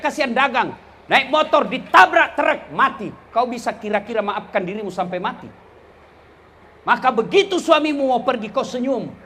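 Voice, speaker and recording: Brief: middle-aged preacher, high and lively voice, comic teasing sermon, sudden shouted punchlines, faint ambience behind. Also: male voice, slight background noise. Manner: teasing, swings from low asides to shouts. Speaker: Islamic preacher. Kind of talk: comedic sermon.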